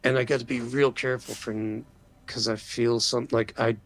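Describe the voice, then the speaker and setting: A man's voice: medium pitch, flat delivery, normal speed, background noise. A man hosting a casual spiritual chat, rambling with many restarts and trailing off.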